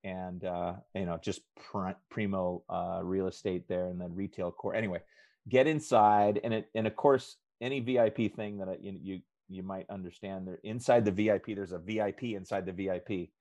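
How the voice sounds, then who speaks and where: A middle-aged man, a podcast guest, telling a story in a relaxed chat and acting out the voices he quotes. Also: deep voice, normal speed, no echo, muffled recording. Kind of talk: casual storytelling.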